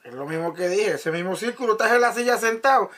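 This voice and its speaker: A man's voice: high-pitched, animated, quick pace, a bit bright. A man giving an earnest church testimony, often restarting his sentences. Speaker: church member sharing testimony. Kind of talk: conversational testimony.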